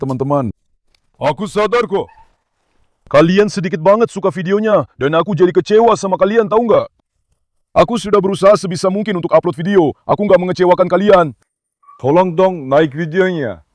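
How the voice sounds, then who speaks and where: A man vlogging with his dogs, talking to the viewers and coaxing and scolding the dogs in a soft voice. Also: high voice, no echo, clean studio sound. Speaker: dog keeper and vlogger. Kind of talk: casual vlog talk to camera and dogs.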